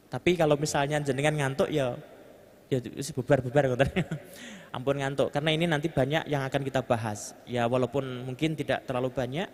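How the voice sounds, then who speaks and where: A man's voice: medium pitch, fairly even intonation, brisk. A man with a Javanese accent giving a mosque sermon, joking with the congregation and translating Arabic phrase by phrase. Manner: jokes with the congregation, leads chanting. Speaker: preacher. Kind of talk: mosque sermon with kitab reading. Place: large mosque hall. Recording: long hall reverb, faint ambient noise.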